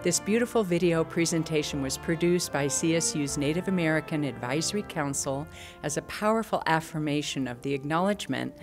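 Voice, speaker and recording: A provost, a woman, giving a measured, formal commencement address from a stage. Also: low voice, music in the background. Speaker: university provost. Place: stage with curtains, indoors.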